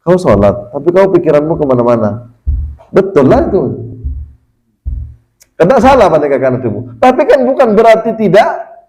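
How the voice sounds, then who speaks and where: Mellow-voiced man teaching religion. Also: sing-song, moderate pace, pauses often, faint music behind, rough recording. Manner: conversational, with sudden high-pitched emphatic bursts. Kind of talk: casual religious study lecture.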